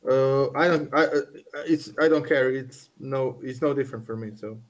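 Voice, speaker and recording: A man co-hosting a casual panel podcast, speaking hesitantly with many pauses and restarts. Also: medium pitch. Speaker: podcast co-host.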